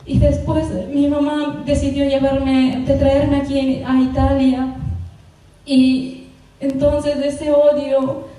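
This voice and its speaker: A woman's voice: sits high, monotone, takes it slowly, warm tone. A young woman from Peru telling her personal testimony in church, emotional and repetitive, acting out what each person said. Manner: emotional, repetitive storytelling with quoted dialogue. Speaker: church member giving testimony. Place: church hall. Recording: distant, very echoey church hall.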